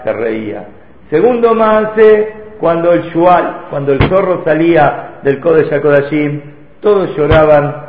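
Male teacher, high voice, storytelling lesson, thin phone-like sound. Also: slight background noise. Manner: storytelling with rhetorical questions. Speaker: Torah teacher. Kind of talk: religious lesson to a live audience. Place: hall with an audience. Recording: echoey hall, phone-like lo-fi sound.

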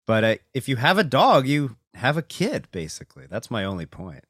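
A man's voice: medium pitch, wildly swooping pitch, normal speed, a bit bright, slightly rough, no room sound, clean studio sound. A man hosting a casual video call chat, talking in a thoughtful, hedging way with many fillers.

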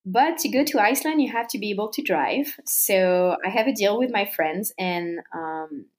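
A woman's voice: mid-range voice, expressive, moderate pace. A woman in her thirties with a French accent, chatting as an interview guest, with plenty of fillers and frequent laughter. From France. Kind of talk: casual conversational interview.

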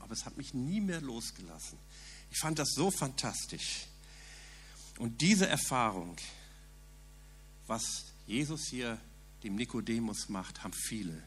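Male preacher, husky mid-pitched voice, earnest and emphatic sermon delivery. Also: fairly bright tone.

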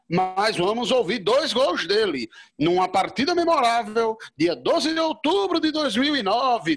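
A man's voice: high-pitched, a bit bright, slightly rough. A man co-hosting a football club show, talking through past matches and players. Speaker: podcast co-host. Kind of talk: sports history talk.

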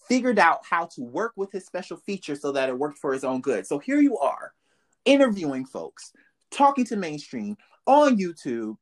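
Podcast host, motivational and preachy, casual and faith-driven. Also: medium pitch. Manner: preachy, uplifting, speaks of faith; casual slang, addresses listeners directly. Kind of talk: motivational interview talk.

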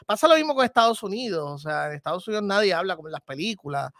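A man with a Puerto Rican accent, a podcast guest who talks about film in a relaxed, hedging way and slips English words into his Spanish. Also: high-pitched, very fast, dry recording, clean studio sound. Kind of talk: casual conversation.

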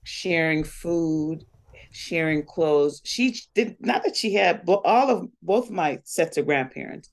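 A woman's voice: on the low side, animated, slow pace. A woman from Guyana, a community foundation CEO, talking earnestly as an interview guest. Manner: earnest, speaks of blessing and collaboration.

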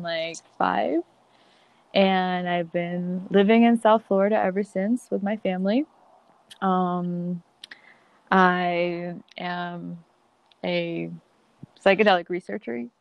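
A woman's voice: lowish voice, gravelly, smooth, no room sound, highs cut off. A young woman from Colombia, a podcast guest chatting casually and laughing easily with many fillers. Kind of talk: casual interview.

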